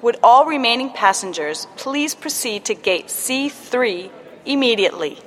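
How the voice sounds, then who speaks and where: A woman reads a scripted airport boarding announcement in a formal, clearly phrased manner. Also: a little high, animated, measured pace, slight background noise. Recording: long echoing hall reverb.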